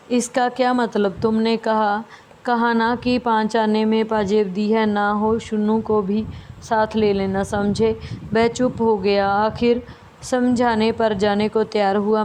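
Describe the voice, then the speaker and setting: A woman teacher reading a story aloud slowly and carefully, with small restarts, then explaining it to her students. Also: mid-range voice, a little mellow. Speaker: school teacher. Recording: faint background noise.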